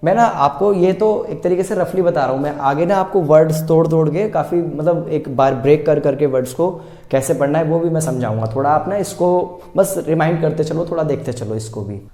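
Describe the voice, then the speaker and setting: Guy teaching english reading, slow patient sounding out, mellow voice, roomy echo. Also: a little high. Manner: patient, repeats words slowly and asks the viewer questions. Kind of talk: spoken classroom lesson.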